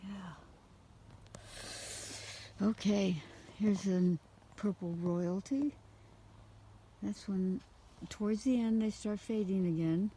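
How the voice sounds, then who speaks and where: A woman's voice: mid-range voice, steady tone, takes it slowly, long pauses, mellow, slight background noise, low-quality recording. A middle-aged woman walking outdoors through her home garden, pointing out flowers with gushing enthusiasm on a camera mic. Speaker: gardener giving a garden tour. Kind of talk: casual walking garden tour.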